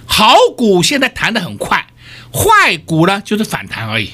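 A man's voice: high voice, huge pitch swings, normal speed, pushed and bright, breathy edge. A man hosting a radio stock market show, talking emphatically and firing rhetorical questions at listeners. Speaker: stock market analyst host.

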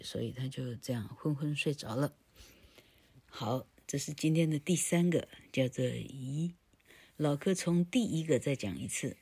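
Woman, deep and husky, playful teacher, laughs at her own jokes, stretches out example sounds. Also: mellow. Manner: jokey and playful, ends phrases with a chatty "ha" tag, laughs at her own stories; drawn-out sound demonstrations. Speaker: English pronunciation teacher. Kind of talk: recorded classroom lecture.

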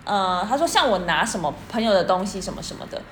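A woman's voice: medium pitch, lively intonation, quick pace, fairly bright tone, a little hiss or hum. A woman with a Taiwanese Mandarin accent, telling anecdotes as a podcast co-host in casual chat and acting out the quotes. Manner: chatty storyteller, acts out quotes.

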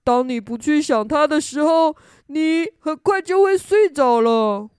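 A woman voicing a calm, kindly male patchwork elephant in a children's story, speaking in a reassuring way. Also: sits high, measured pace, no room sound, clean studio sound.

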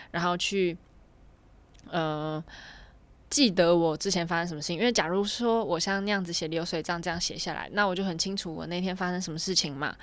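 A woman's voice: on the low side, dry recording. Young woman vlogger, loose rambling storytelling, dry close sound. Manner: rambling, chains clauses with "and then". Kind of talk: casual storytelling.

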